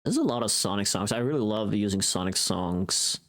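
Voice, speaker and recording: At a normal speed and in a low, expressive voice, a livestreamer who also does voice acting talks casually as they work. They ramble on, murmur to themself, and hum now and then.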